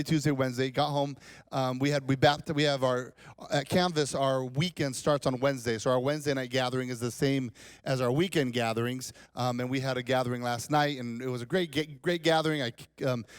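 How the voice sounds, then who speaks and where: A man's voice: on the high side, dry recording. A man in his forties, a pastor giving a casual, rambling, joking talk at a conference. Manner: rambling, self-deprecating, joking. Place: conference hall.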